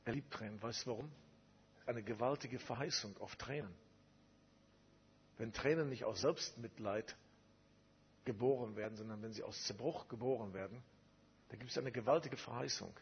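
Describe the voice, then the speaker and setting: A man's voice: mid-range voice, normal speed, long pauses, breathy edge, lo-fi sound. A man preaching a sermon, telling a personal story emphatically and repeating phrases.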